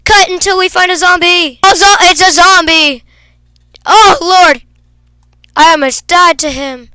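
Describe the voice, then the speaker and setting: A young woman with a high, bright voice gives goofy, teasing commentary while she plays a game. She jokes with her teammates and now and then bursts into excited shouts. The sound is close and dry, with no room around it. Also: measured pace, no room sound. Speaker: gaming video creator. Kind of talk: playful gameplay commentary.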